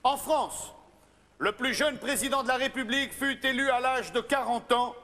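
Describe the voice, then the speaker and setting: A man's voice: very high voice, normal speed, sharp tone, slight background noise. A man hosting a live phone-in game show, announcing prizes like a showman and teasing the caller with jokes. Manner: jokey, teasing banter with the caller. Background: music behind the voice.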